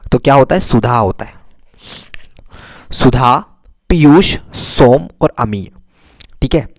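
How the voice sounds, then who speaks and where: A male teacher talks children through a vocabulary lesson in a middle-pitched voice, repeating every word and answering his own questions. The sound is dry and close, with no room echo. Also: animated. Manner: repeats words slowly, asks and answers himself.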